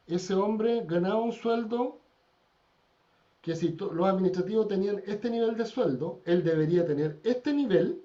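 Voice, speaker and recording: A man's voice: sits high, warm tone. A man teaching a church class, telling stories and acting out the people in them. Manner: storytelling, acts out quoted people with raised voice. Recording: dull lo-fi recording.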